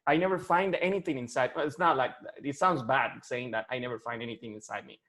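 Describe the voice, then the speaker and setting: The speaker is a Colombian man in his forties, a client in a one-on-one video-call coaching session, who speaks haltingly and restarts often. He carries a Colombian Spanish accent, with medium pitch and a fairly bright tone.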